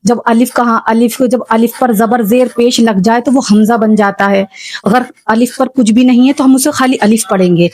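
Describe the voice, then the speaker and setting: A woman giving a spoken lesson on Quran recitation, patiently explaining and repeating examples slowly. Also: a little high, darkish tone. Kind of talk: spoken religious lesson for beginners.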